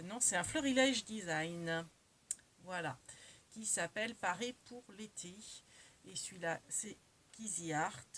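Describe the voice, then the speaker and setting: A woman's voice: medium pitch, a bit bright. Chatty woman, noisy home recording. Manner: chatty, many fillers and self-corrections. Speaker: crafting vlogger. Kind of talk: casual show-and-tell of craft purchases.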